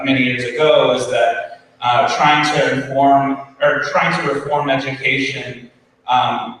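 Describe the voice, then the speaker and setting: This earnest keynote to educators comes from a man whose mid-range voice has a slightly bright quality, and he often says um and starts over. He's in a school hall before an audience, picked up by a distant microphone that captures the spacious room and a faint background ambience.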